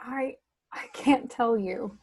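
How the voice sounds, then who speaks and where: A woman's voice: fairly high pitch, slow, a little mellow, husky. A woman reading the part of a troubled, tender young princess in a film script table read on a video call. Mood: upset, withdrawn.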